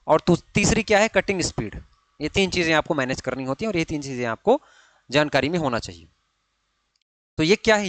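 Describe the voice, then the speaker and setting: A man's voice: on the high side, fairly bright tone, dry recording. Man teaching, quizzing himself aloud. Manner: question-and-answer teaching, asks then answers himself; frequent checking tags, repeats key terms. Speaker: ITI fitter exam teacher. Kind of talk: online classroom lecture.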